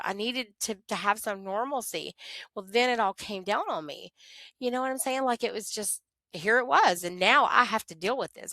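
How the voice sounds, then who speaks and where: A middle-aged woman, telling a personal story as an interview guest in animated, expressive conversation. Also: a little high, no room sound, clean studio sound. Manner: animated, expressive, talks to herself in quoted prayers.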